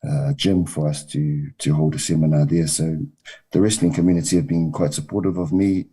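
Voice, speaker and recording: A man from New Zealand, a wrestling coach, answering interview questions in a measured way with frequent ums and uhs. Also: a bass voice, level tone, warm tone, slightly rough.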